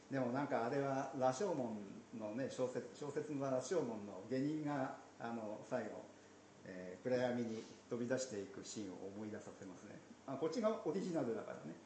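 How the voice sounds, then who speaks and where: A man teaching from the Bible in a conversational way, slipping in playful asides and soft laughs. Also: medium pitch, lively intonation, moderate pace. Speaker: pastor. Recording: roomy echo, faint background noise.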